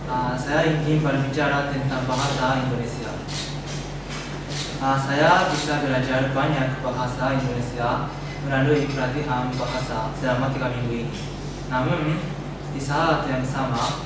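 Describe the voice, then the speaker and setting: Young man, Japanese accent, careful foreign learner, prepared student speech, mid pitch, strong echo, loud background noise. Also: steady tone, moderate pace. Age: young adult. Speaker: exchange student giving a presentation. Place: echoey indoor room. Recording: echoey room, distant mic, loud noise.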